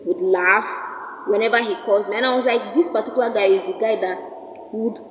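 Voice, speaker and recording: A woman's voice: mid-range voice, brisk. A woman in her twenties telling a personal story in a vlog, speaking earnestly and often repeating words as she thinks. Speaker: vlogger. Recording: roomy, reverberant, slightly dull sound.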